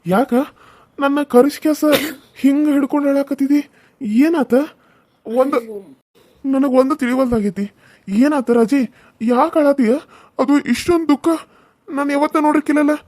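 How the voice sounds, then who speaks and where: A sympathetic young man friend in a cartoon serial, voiced by a woman asks worried questions. The voice is high for a man and the sound is dry and close. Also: normal speed, long pauses, dark tone, no room sound, lightly acted. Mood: concerned. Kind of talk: cartoon voice acting.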